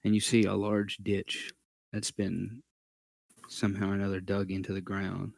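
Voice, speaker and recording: A man narrating a tabletop game as game master, halting and thinking aloud as he describes scenes. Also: deep voice, completely flat delivery, vocal fry, a little mellow, no echo.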